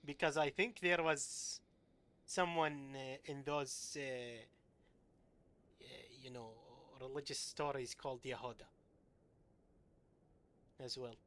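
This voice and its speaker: A man's voice: mid-range voice, steady tone, slow pace, long pauses, fairly bright tone. A man from Iraq streaming a game, talking in a rambling, hesitant way with many fillers. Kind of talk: live gameplay commentary. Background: game music.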